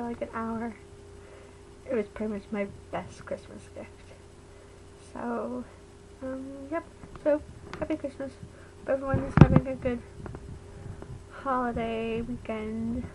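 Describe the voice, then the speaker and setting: A woman's voice: a little high, gravelly, slight background noise, low-quality recording. A young adult woman chatting casually to camera in her bedroom, rambling informally, her speech slightly impeded by a retainer. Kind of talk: casual vlog chat to camera. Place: bedroom at home.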